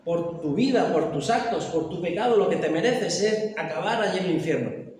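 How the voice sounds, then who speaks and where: A man teaches a church Bible study with an animated delivery, now and then acting out the voices of people he describes. His voice sits a little high for a man. He is heard from a distance in a long, echoing hall with a faint hiss underneath. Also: normal speed. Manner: animated, acts out voices of the lost.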